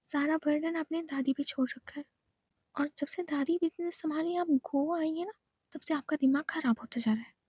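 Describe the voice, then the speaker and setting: Woman doing a prim, reluctant young wife, soft voice, high, dry recording. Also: normal speed, no echo, close to an everyday voice. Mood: scolding.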